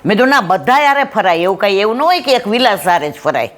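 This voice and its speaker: A woman's voice: mid-range voice, very animated, quick pace. Middle-aged woman telling a devotional story. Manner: conversational, asks the audience if they follow. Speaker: satsang speaker.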